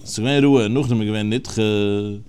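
A man's voice: on the low side, fairly even intonation, quick pace, darkish tone, clear, resonant tone. A man teaching a Talmud lesson, reasoning aloud through the text and asking and answering his own questions.

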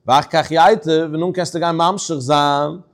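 A man teaching a Talmud class, animated, posing questions and answering them himself. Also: on the high side, normal speed. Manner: animated, asks and answers his own questions. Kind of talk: Talmud lecture.

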